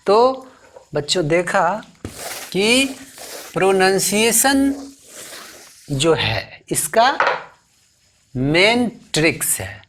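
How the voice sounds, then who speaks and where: Indian guy teaching grammar real slow, keeps repeating words n asking questions. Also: on the high side, fairly bright tone. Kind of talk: classroom lesson explanation.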